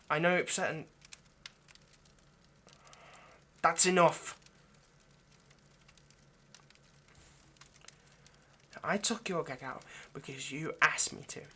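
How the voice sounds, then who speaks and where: Still voicing the lovesick, anxious vampire who has lived for centuries, the man stays insistent and stern in his halting, rambling, coaxing address to the listener. His fairly high voice comes across bright and forceful.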